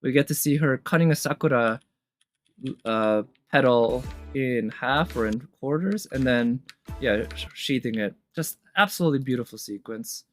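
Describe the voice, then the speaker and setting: A streamer reacts live to game trailers, enthusiastic and thinking out loud in fragments as trailer music plays in the background. His voice is mid-range and expressive, at a moderate pace.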